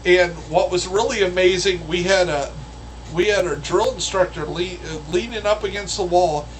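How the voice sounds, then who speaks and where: A man in his fifties telling animated, casual war-story anecdotes, full of restarts and loud acted quotes. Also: sits high, normal speed, slight background noise, low-quality recording. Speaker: guest recalling military basic training.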